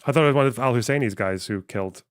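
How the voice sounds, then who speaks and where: A man's voice: mid-range voice, rapid-fire, smooth. A young man streaming as he reacts to a debate, talking bluntly and sarcastically, swearing and thinking aloud. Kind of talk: casual reaction commentary.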